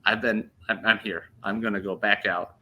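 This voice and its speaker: A man in his thirties casually telling a hunting story on a podcast, animated and laughing as he goes. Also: fairly low pitch, moderate pace. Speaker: podcast host.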